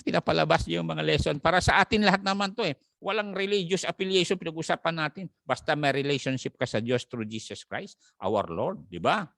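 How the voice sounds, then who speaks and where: Filipino pastor with a gravelly, lively voice. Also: male voice, on the high side, a little fast, dry recording, studio quality. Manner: mixes English scripture reading with Tagalog, greets viewers by name. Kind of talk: sermon.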